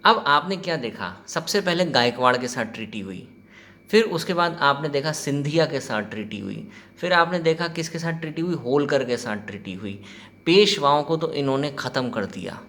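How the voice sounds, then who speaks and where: A man's voice: on the high side, expressive, normal speed, bright, forceful tone. A man giving an exam-prep history lecture in a chatty way, mixing Hindi and English, asking his students questions and acting out quoted exchanges. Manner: conversational, mixes Hindi and English, quizzes listeners, acts out quoted exchanges. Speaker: history teacher.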